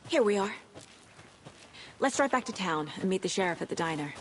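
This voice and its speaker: A woman's voice: mid-range voice, expressive, a little fast, a little hiss or hum, lightly acted. An actress playing a composed, thoughtful female FBI agent in a video game. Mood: focused.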